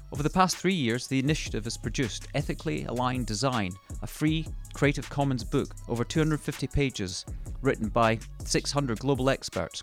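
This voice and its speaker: A male podcast host with a voice of middling pitch speaks in a measured, formal way. He asks his guest questions at an even, unhurried pace. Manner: measured and formal when introducing. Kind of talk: scripted introduction and interview questions.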